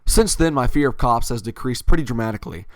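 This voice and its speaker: A man's voice: mid-range voice, fast talker, no room sound. A man telling a personal story in a casual, rambling way, with fillers and little self-corrections.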